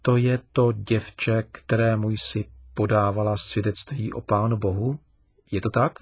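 A man's voice: on the low side, husky, no echo, clean studio sound. A man playing a kind, patient father. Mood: gentle. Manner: calm, kindly explaining, lively emphasis.

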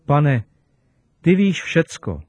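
A man's voice: on the high side, very animated, a little mellow. A man reading the earnest replies of a humble disciple. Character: Peter, humble devoted disciple.

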